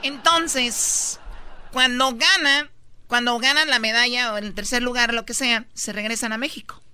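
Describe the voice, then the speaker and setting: A woman's voice: fairly high pitch, fairly even intonation, unhurried, bright, forceful tone, smooth. A woman podcast host telling gossip in a chatty, teasing way. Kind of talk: casual gossip storytelling.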